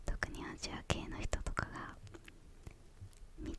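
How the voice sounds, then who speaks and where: A young woman speaking in a hushed, breathy whisper, answering questions in ASMR style with hesitant pauses between short phrases.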